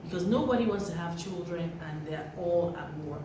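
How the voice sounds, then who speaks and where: A woman's voice: lowish voice, moderate pace. A woman giving earnest, preachy parenting advice to camera, repeating key phrases for emphasis. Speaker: parenting vlogger. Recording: very echoey room, voice from a distance, faint noise.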